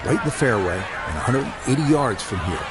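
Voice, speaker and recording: A man voicing a measured golf commentator for a video game broadcast. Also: on the low side, big pitch swings, heavy background noise. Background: music and outdoor crowd.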